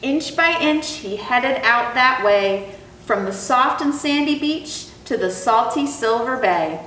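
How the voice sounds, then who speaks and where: A young adult woman who works as a zoo educator and storytime host reads a children's storybook aloud through a face mask in an indoor room. Her high voice is unhurried, expressive and sing-song. The mic is distant, giving a roomy sound with faint background noise.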